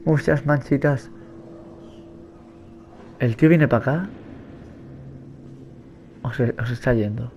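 A young man with a Spain Spanish accent, giving nervous, rambling, joking commentary while playing a horror game and shouting at its enemies. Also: medium pitch, slow pace, pauses often, a little hiss or hum. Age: young adult. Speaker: let's play gamer.

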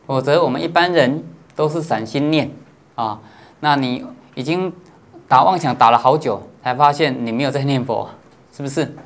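Give me a male Buddhist teacher with a mid-range voice, patiently explaining a practice in a dharma lecture and often checking that his listeners follow. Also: mid-range voice. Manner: peppers phrases with drawn-out filler particles.

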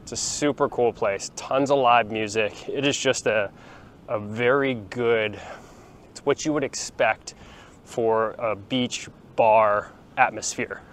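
A man in his forties, mid-range and fairly bright in tone, speaks slowly as he vlogs a chatty walking tour of a beach town on a sunny beachfront plaza and beach, full of ums and restarts. He holds his phone at arm's length with a small clip-on mic, and there's slight background noise.

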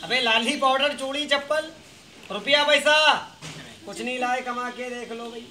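A man running a street monkey show, calling out loud teasing commands to the animals. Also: very high voice, normal speed. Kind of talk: showman's patter to a crowd. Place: outdoors at a school ground. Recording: crowd noise around. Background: children's crowd.

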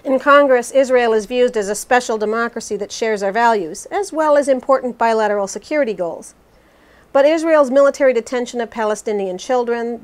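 A woman with a fairly high, natural voice plays a resolute, critical politician in a scripted re-enactment of an interview. Her delivery is formal and measured.

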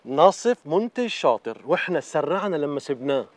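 An actor playing a calm, persuasive talent manager. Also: male voice, on the high side, a little fast, dry recording. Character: talent manager reasoning with a singer.

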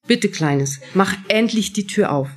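A woman voicing a loving, worried middle-aged mother who pleads gently. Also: mid-range voice, animated, a little slow, breathy edge, voice pushed up. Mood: pleading.

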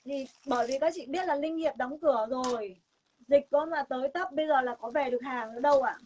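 A young woman with a Northern Vietnamese accent giving a casual live sales pitch for clothing, insistent and repetitive, with emphatic promises to viewers. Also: a little fast, a little mellow, dull audio. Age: young adult. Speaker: online clothing seller hosting a livestream sale. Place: room stacked with clothing stock, indoors.

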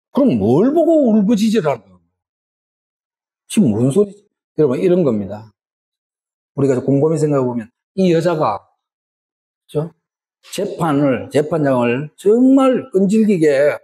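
A man's voice: on the high side, mellow, rough recording. A man preaching a sermon as a pastor, with rising emphasis and frequent rhetorical tag questions.

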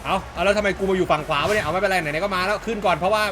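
A man giving casual, excitable gameplay commentary, swearing freely and calling plays like a sports caster. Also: high voice, rapid-fire, over music. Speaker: gaming YouTuber.

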